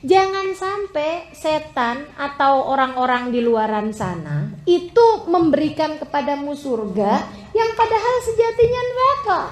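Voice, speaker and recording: A woman preacher giving a conversational sermon to women, with an animated manner. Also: high-pitched, measured pace, echoey room, a little hiss or hum. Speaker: Islamic preacher.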